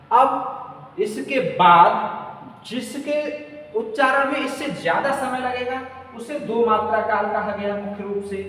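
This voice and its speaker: A man teaching a lesson, repeating points and asking and answering his own questions. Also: high-pitched. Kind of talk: classroom lecture. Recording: echoey room, mic at a distance, faint hum.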